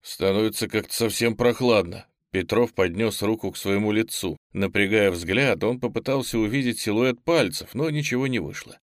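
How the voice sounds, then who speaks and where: A man with a low voice reads a novel aloud in steady, measured narration. The recording is dry and close, with no room sound. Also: dry recording. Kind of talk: audiobook narration.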